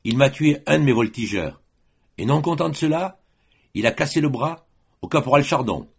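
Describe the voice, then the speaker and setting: A man voicing a boastful gendarme sergeant who greets people loudly and with too much friendliness. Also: mid-range voice, animated, moderate pace, creaky, slightly rough, pitched above the performer's own voice. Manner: hearty, loud, overly friendly.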